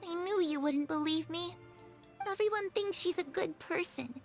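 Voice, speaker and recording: A lonely young girl from a game, speaking in a soft, confiding voice that sits very high. She sounds wistful and dreamy, and faint music plays underneath. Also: moderate pace. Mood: bitter. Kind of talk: game cutscene voice acting.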